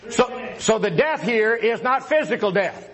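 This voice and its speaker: A man in a formal religious debate, firing rhetorical questions and taunting his opponent, swinging between a raised voice and low asides. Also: expressive, unhurried, a bit bright, poor audio.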